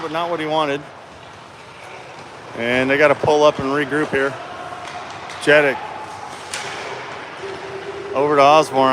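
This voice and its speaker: A man doing casual, colloquial live play-by-play hockey commentary, his voice echoing in a noisy indoor rink. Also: on the high side. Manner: informal, colloquial, chatty with exclamations. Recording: echoey noisy rink, ambient clatter. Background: clear rink noise and ambience.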